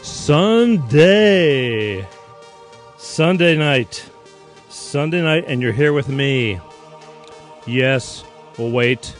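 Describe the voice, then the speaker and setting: A man's voice: mid-range voice, expressive, very slow, pauses often, soft background music. A man from Connecticut hosting a live-streamed talk show, rambling from one point to the next with casual swearing. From Connecticut, USA. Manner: rambling, digressive, with frequent restarts and casual swearing.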